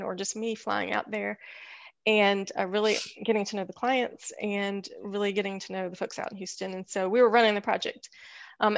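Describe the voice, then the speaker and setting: Casting: woman guest, gravelly mid-pitched voice, thoughtful, hesitant delivery. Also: a bit bright, no room sound, muffled recording. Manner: thoughtful, many fillers and restarts. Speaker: podcast guest, architect and firm founder. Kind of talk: casual interview conversation.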